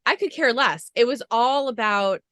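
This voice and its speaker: Gushing high bright woman interviewer. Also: dry recording. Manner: gushing, talks fast in long run-on recaps. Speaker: podcast interviewer. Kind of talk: enthusiastic interview chat.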